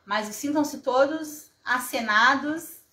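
A woman's voice: high voice, slow pace, bright, forceful tone. A woman, casually hosting a live craft tutorial. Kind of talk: casual live craft demonstration with chat greetings. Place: small indoor craft room at a table. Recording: roomy echo, some background noise, clicks.

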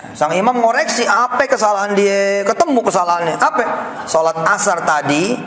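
A man preaching a lively sermon, joking with the congregation in casual slang in a mosque. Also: high-pitched, normal speed, a little hiss or hum. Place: mosque hall. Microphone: speaker system. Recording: echoey mosque hall sound.

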